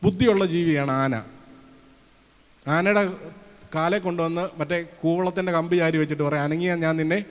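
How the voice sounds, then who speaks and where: A man preaching a sermon from Kerala, lively and questioning his listeners, acting out the voices he quotes. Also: a little high, moderate pace, pauses often. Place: church hall. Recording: long hall reverb.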